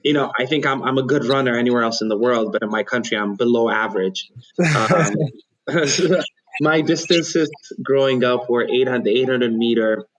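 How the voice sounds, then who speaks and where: A man in his thirties from Ethiopia, whose first language is Amharic, speaking as a podcast guest in a measured, thoughtful way, often restarting his sentences. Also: mid-range voice, poor audio. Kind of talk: conversational interview.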